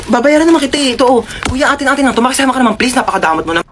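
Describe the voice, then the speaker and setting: A woman's voice: sits high, lively intonation, fairly bright tone, echoey room. Playful woman doing comic skits. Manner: playful, quick character switches, exclaiming. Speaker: skit performer.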